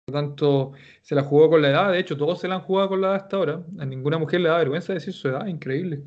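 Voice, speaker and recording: A man with a Chilean accent, teaching Japanese and giving relaxed, joking feedback in an online class. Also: fairly high pitch, racing, muffled recording. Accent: Chilean Spanish.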